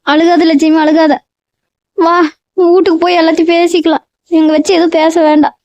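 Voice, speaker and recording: A woman playing a calm older sister who soothes and reassures, on a dull, dry recording. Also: very high-pitched, brisk, no echo. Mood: soothing.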